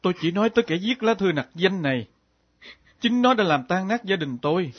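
A bewildered, grieving husband in a radio drama, speaking earnestly in a husky voice. The old recording is dull and close-miked. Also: male voice, sits high, animated, a little fast, dry recording. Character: bereaved husband, bewildered, gentle.

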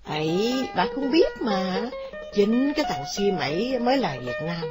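A woman voicing a calm, jovial older father explaining himself in a story. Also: medium pitch, unhurried, music in the background.

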